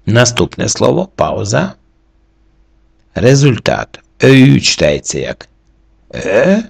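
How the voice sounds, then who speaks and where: A man's voice: mid-range voice, big pitch swings, creaky, husky, no room sound, clean studio sound. A man teaching a recorded lesson, methodically walking through the reading rules letter by letter. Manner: methodical, slowly walks through each letter rule. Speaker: French teacher.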